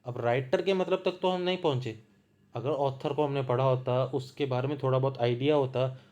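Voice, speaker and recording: A man with a Punjabi accent teaches in a calm, unhurried lecture voice at a mid-range pitch. He works through each idea with small examples and repeats key points patiently. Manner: slow, patient, explains with examples. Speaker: literature lecturer. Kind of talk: explanatory lecture.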